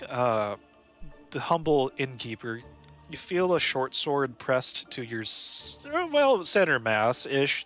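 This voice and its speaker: A man's voice: mid-range voice, sharp tone. A man narrating a tabletop game as game master, chatty and trailing off into asides. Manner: chatty, laughs often, trails off.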